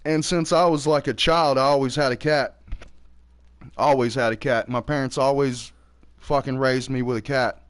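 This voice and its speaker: A streamer in his early forties plays a game while chatting in a laid-back, rambling way, swearing a lot. His medium-pitched voice is clean in tone, with fairly even intonation and a normal speed.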